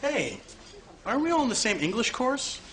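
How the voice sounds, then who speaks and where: A man's voice: very high voice, sing-song, normal speed, a bit bright, heavily acted. An actor playing a cheerful male student in a sitcom sketch, chatty and ending sentences with odd tag questions, from a noisy clip with audience laughter. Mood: friendly.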